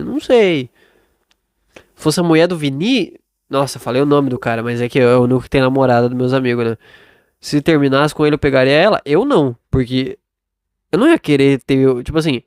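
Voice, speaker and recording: Brazilian male podcaster, fairly high voice, sick and stuffed up, loose sweary monologue with acted-out imagined replies, dry close sound. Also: a little mellow, dry recording. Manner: blunt, self-doubting, swears often; acts out imagined dialogue mid-monologue. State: sick with sore throat and congested nose. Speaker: solo podcast host. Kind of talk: casual rambling monologue, answering a listener.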